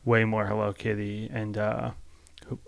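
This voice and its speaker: A man's voice: on the low side, little pitch movement, measured pace, gravelly, no room sound. A man hosting a podcast interview, joking and teasing, with casual swearing. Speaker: podcast host.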